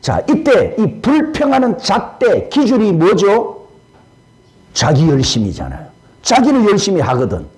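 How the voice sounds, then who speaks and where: A male pastor preaching. His voice sits high for a man and swings widely in pitch as he keeps asking the congregation questions. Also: a little slow, slightly rough. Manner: animated, asks the congregation questions. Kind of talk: sermon.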